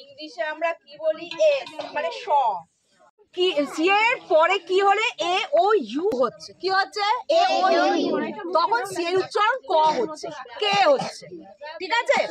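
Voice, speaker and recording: A woman teaching a phonics lesson to a class of children, her voice pitched very high. She keeps firing questions and repeating her prompts. A chattering crowd of children is clearly heard behind her. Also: measured pace.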